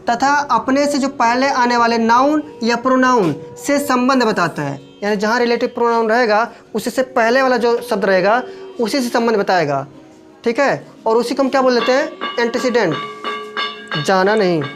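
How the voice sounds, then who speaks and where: A man teaching English grammar in with a lilt, who keeps checking the class with quick questions. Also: very high voice, over music, rough recording.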